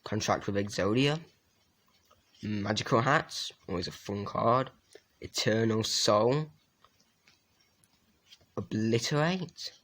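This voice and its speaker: A man casually reviewing a trading card deck, reading card names aloud and adding quick asides with fillers. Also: fairly low pitch, a bit bright.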